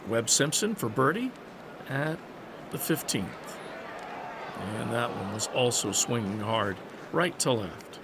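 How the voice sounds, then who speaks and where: A man calling golf play-by-play in short, measured broadcast phrases. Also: medium pitch, lively intonation, noisy background. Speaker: golf commentator.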